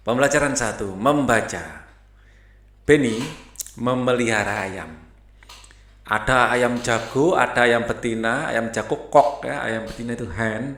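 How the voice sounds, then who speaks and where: A man's voice: medium pitch, a bit bright, slight background noise. Give me a man casually explaining a school lesson in an echoey room. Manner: casual, chatty explaining, mixes in English words. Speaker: teacher.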